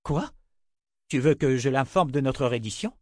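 A man's voice: medium pitch, animated, a little slow, a little mellow, no room sound, clean studio sound, voice pushed up, natural voice. A man reading an audiobook, voicing a stern woman sorceress who delivers news urgently and insistently.

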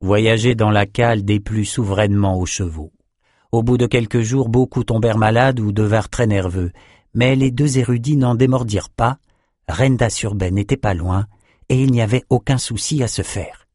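A man reading an adventure story aloud in a measured storytelling voice. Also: on the low side, darkish tone, no echo, clean studio sound. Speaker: audiobook narrator. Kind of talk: scripted narration.

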